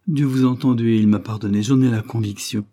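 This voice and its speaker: A man's voice: mid-range voice, fairly even intonation, fast, warm tone, lightly acted. A man voicing a dying young noblewoman, remorseful and devout, with a tremulous, pleading delivery in an audiobook reading. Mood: feverish joy.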